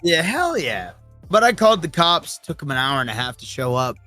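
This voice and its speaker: A man's voice: a little high, fairly quick, dry recording, soft background music. A man, a podcast guest and streamer, telling stories in casual, profane chat. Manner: profane, animated storytelling.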